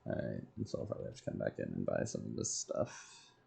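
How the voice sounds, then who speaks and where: A very deep, warm, gravelly voice with a slight roughness talks fast and animatedly. The man is streaming a game and murmuring short, self-directed thoughts as casual commentary.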